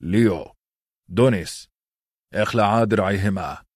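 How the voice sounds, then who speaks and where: A man's voice: fairly low pitch, measured pace, no echo, clean studio sound. A man voicing a stern, older master-at-arms in an audiobook, firm and commanding.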